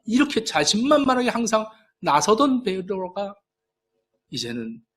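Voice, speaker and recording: A male pastor preaching a sermon, asking the congregation rhetorical questions and moving between hushed lines and raised, emphatic ones. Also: high-pitched, sing-song, moderate pace.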